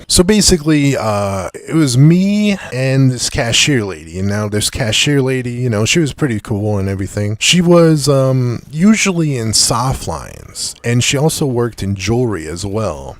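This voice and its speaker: A young man with a low voice casually recounts retail job stories for his vlog. He rambles, filling gaps with "like" and "you know" and restarting sentences. The recording is close and dry, with no room sound. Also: dry recording. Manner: rambling, many fillers and restarts. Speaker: vlogger.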